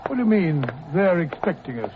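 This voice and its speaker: Doctor Watson, high and blustering. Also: male voice, big pitch swings, fairly quick. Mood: uneasy. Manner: blustering, flustered, stammering exclamations. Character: fussy, comfort-loving Victorian male doctor. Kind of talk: 1940s radio acting. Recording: tinny old radio broadcast, faint hiss.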